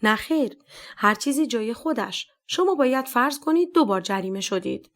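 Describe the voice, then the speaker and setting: A woman's voice: fairly high pitch, lively intonation, a bit bright. A woman voicing a stern, scornful male police captain who scolds harshly and talks down sarcastically.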